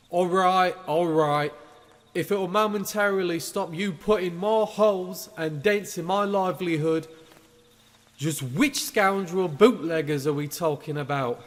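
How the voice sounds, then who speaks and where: Cartoon undertaker played by a male actor, male, slightly high voice, sardonic, grandiloquent, theatrical fan-dub delivery. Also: slow. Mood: exasperated, wry. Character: wry, grandiloquent male undertaker and bootlegging accomplice. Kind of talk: animated fan dub acting.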